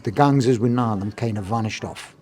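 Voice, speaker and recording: A Geordie man chats as an interviewer in a soft-edged, mellow voice. His questions are casual and roundabout, wandering before they land. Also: fairly low pitch, fairly quick.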